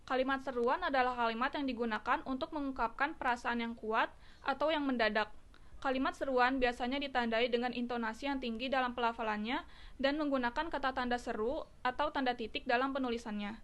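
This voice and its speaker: Brief: woman student presenter, slightly high voice, steady list-like reading. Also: a little fast.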